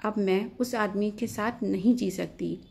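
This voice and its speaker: A woman's voice: medium pitch, fairly even intonation, a little slow, vocal fry, darkish tone, a little hiss or hum. A woman voicing an angry, stubborn young wife who talks sharply and indignantly. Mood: upset.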